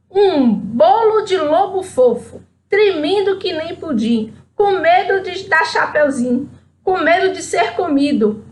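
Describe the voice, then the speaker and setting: A woman, a speaker at a spiritual center, reading a children's story aloud in an expressive, sing-song way, then reflecting. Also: very high-pitched, slight background noise.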